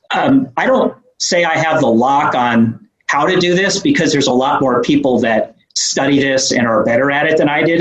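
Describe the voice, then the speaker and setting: A man with a New York accent explains his ideas as a podcast guest. He rambles easily through fillers and restarts. His voice carries a roomy echo. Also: medium pitch. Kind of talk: casual interview conversation.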